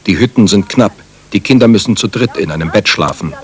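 A man reading scripted documentary narration in a sober, measured studio voice-over. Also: fairly low pitch, expressive.

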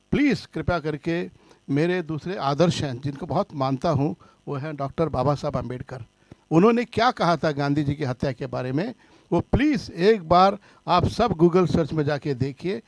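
A man's voice: fairly high pitch, vocal fry, dry recording. A filmmaker speaking earnestly at a press conference, explaining and defending his work. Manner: pleading for calm, then earnest explaining.

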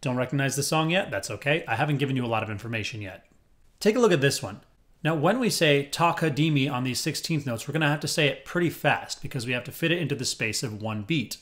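A man teaching a music lesson, upbeat and clear, counting rhythm syllables aloud in a steady pulse. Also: mid-range voice, fast. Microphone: headphones on, desk recording.

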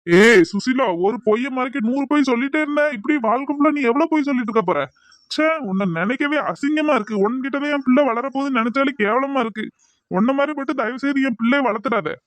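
A man's voice: very high-pitched, fast talker, a bit bright, no room sound. A man voicing an angry accusing husband. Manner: scolding, contemptuous. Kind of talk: cartoon voice acting.

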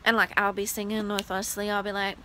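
A woman's voice: medium pitch, flat delivery, fairly quick, noisy background. A woman in her late twenties chatting casually to her vlog viewers, gushing and full of "like" fillers. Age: 20s. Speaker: vlogger. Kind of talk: casual vlog chat to camera.

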